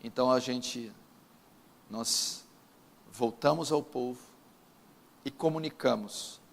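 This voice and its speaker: Gravelly-voiced Brazilian pastor in a reverberant church. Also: male voice, mid-range voice. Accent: Brazilian Portuguese. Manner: solemn, emphatic, with drawn-out pauses. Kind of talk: sermon with opening prayer. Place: church service.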